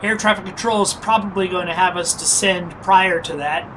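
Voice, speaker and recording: Flight sim streamer, casual live commentary, mid-pitched, thinking aloud, explanatory, clear background noise. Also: normal speed. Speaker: flight simulator livestreamer. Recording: noisy, steady engine-like background hum.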